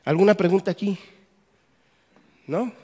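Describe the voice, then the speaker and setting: A man's voice: high-pitched, a little slow, darkish tone. A Mexican man, a pastor, giving a conference sermon with a Mexican Spanish accent, joking and asking the audience questions. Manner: jokey, asks the audience questions. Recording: long hall reverb.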